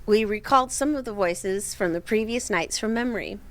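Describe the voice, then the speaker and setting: A woman hosting a channel, reading a scary internet story aloud, going hushed and eerie when she reads out the quoted voices. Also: mid-range voice, fairly quick. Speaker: story reader and host.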